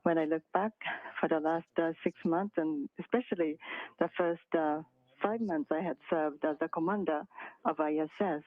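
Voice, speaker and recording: A man speaking halting English in a formal press conference over a radio link. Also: a little high, steady tone, no echo. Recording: muffled phone-like radio link.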